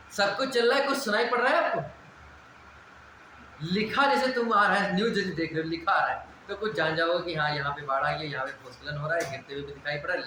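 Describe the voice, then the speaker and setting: A male teacher giving a classroom lecture, asking questions and answering them himself and repeating the key points. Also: a little high. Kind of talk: classroom lecture on Hindi grammar. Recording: very echoey room with background noise.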